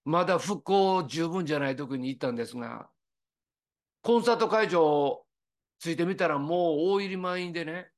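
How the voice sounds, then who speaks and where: A man's voice: on the high side, moderate pace. A man from Osaka with a Kansai accent, preaching a sermon in a conversational, storytelling way. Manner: conversational, lively storytelling with quoted voices.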